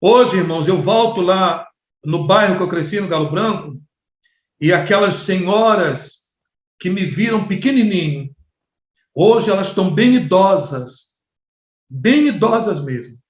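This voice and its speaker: Middle-aged Rio preacher, high and lively, telling a story from the pulpit; echoey hall, dull audio. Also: male voice, unhurried. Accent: Rio de Janeiro Portuguese. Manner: animated, voices quoted people. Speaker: pastor. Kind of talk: storytelling sermon. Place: church hall. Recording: echoey church, slightly dull sound.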